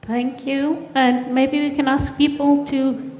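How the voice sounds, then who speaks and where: A woman's voice: high-pitched, flat delivery, slow, dark tone, a little hiss or hum. A woman moderating a round table, briefly directing turns. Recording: far-off voice in a long reverb hall.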